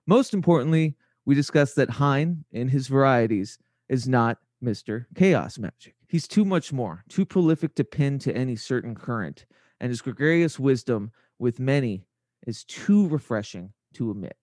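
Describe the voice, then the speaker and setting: A man's voice: mid-range voice, lively intonation, normal speed, darkish tone, no room sound, studio quality. A man hosting a podcast, reading a scripted introduction in a theatrical, florid and ornate way. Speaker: podcast host.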